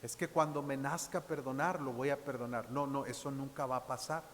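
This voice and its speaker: A man's voice: mid-range voice, steady tone, brisk, a bit bright, long reverb tail, slight background noise. A man preaching a Sunday sermon as pastor, reading scripture aloud and calling his listeners brothers. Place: church.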